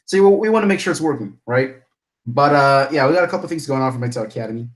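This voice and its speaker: A man's voice: mid-range voice, animated, fast talker, low-quality recording. A young man from Bangladesh hosting a casual live stream, rambling and chatty, laughing often and restarting his sentences as he talks into a computer microphone. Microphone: computer mic, camera off.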